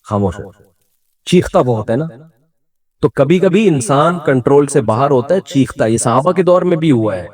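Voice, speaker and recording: Animated middle-aged man giving a religious talk. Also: a little high. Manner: animated, humorous, asks the audience questions; acts out quoted voices within the talk. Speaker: Islamic scholar giving a talk. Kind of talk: conversational religious lecture.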